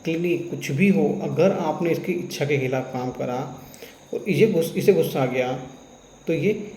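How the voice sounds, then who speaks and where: A homeopathic doctor explaining a patient case in a lecture, retelling what happened with quoted dialogue and slipping into terms spoken. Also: male voice, a little high, unhurried, darkish tone, echoey room, a little hiss or hum, low-quality recording.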